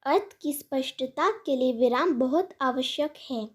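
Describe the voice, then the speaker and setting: Slow, high-voiced woman teaching grammar. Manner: measured, clearly paced recitation of rules and examples. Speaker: channel host teaching Hindi grammar. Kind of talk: slow scripted grammar lesson for children.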